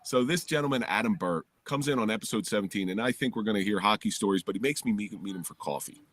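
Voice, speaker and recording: A middle-aged man from New Jersey, a podcast guest telling a personal story in a candid, lively way, recorded in his home basement. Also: on the low side, fast.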